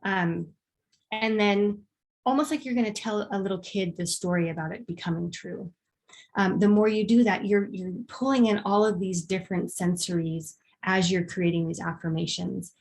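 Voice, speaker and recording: A woman talks through a personal growth workshop at an easygoing pace. Her voice sits in an ordinary middle range, and she fills her explanations with ums and quick acted examples. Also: mid-range voice, vocal fry, darkish tone. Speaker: workshop presenter. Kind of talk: casual workshop talk.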